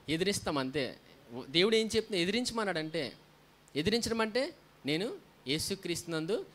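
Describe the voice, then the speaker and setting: A pastor preaches a sermon in a slightly high, fairly bright male voice. He often poses questions to the congregation and answers them himself, dropping frequent hallelujahs between points.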